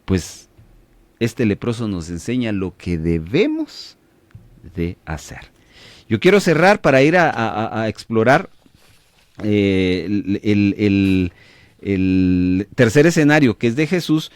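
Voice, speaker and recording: Male radio preacher, Latin American Spanish accent, emphatic and lively in pitch, dry close mic. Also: takes it slowly, no room sound. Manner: preachy, emphatic, asks listeners questions. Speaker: radio Bible teacher and host. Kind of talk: radio Bible teaching. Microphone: studio microphone.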